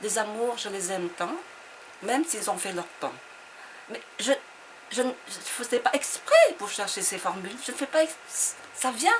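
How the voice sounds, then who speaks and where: A woman's voice: mid-range voice, lively intonation, normal speed. A woman author from Vietnam, speaking in a reflective interview conversation. She hesitates and often repeats her words as she searches for them. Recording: noisy background.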